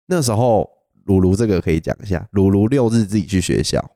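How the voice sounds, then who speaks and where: A young Taiwanese man co-hosting a podcast, rattling off stories at a fast clip. His voice sits fairly low with a mellow, relaxed tone. He laughs easily, and the sound is dry with no room echo. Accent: Taiwanese Mandarin. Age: young adult. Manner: animated storyteller, laughs often. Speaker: podcast co-host. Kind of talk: casual storytelling chat.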